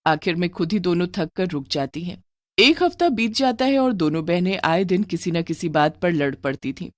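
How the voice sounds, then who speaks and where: Lively woman storybook narrator. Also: on the low side, moderate pace, no room sound.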